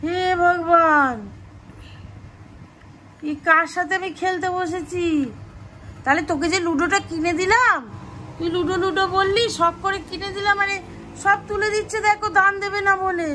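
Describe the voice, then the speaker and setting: A woman's voice: very high voice, steady tone, a little fast, pushed and bright, slight background noise. A woman chatting casually while playing a board game at home, coaxing and exasperated. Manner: coaxing and exasperated, with frequent sighs. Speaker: family vlogger.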